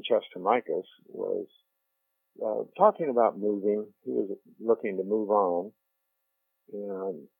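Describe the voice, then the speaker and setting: An older man reminisces haltingly as an interviewee in an oral history. His low voice is creaky and a little husky, with frequent pauses and repeats. He comes through a narrow, humming telephone line. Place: on a telephone call. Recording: muffled telephone line with electrical hum.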